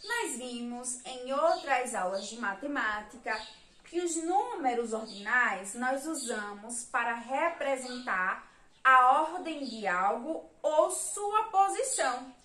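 A woman's voice: high-pitched, lively intonation, slow pace, sharp tone, slight background noise. A woman with a Sergipe Brazilian accent teaching a remote lesson to young children, patiently counting and spelling words aloud. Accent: Sergipe Brazilian Portuguese. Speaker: primary school teacher. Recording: echoey room, voice a bit far from the mic.

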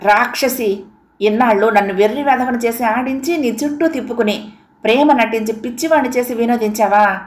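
A woman's voice: fairly high pitch, fairly quick, pitched above the performer's own voice, lightly acted. A lady reading as an angry dumped young guy, scornful, roomy echo. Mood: angry, bitter. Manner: bitter, scornful pleading. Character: jilted young man, bitter and angry. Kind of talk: audiobook character reading.

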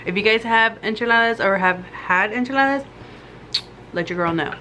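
A woman's voice: medium pitch, moderate pace, pushed and bright, slight background noise. A young woman vlogging casually at a family dinner, giggly and switching between English and Spanish. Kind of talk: casual mukbang vlog chat.

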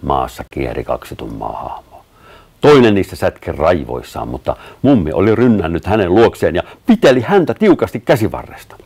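A man reads a children's story aloud in an expressive, storytelling way. His voice is very low and gravelly, with a husky grain. The pitch rises and falls widely as he narrates.

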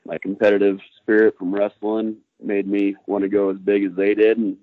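A young man, a snowmobile rider, speaks earnestly as a podcast guest in a low, flat voice. His audio comes over a thin, phone-like line that sounds dry and close. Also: moderate pace, no echo. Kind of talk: casual podcast interview.

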